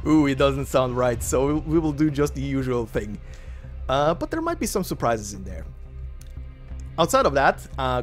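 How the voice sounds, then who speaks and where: Before reading a game story aloud, a man from Croatia, whose native language is Croatian, hosts a casual spoken intro. He's chatty and rambling with lively pitch leaps, over faint looping game menu music.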